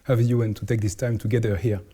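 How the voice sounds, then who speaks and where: A man in his forties with a French accent, a priest answering interview questions in careful English, often pausing to find his words. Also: on the low side, level tone, mellow, breathy edge. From France. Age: 40s. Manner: halting, searching for English words. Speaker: priest, house superior.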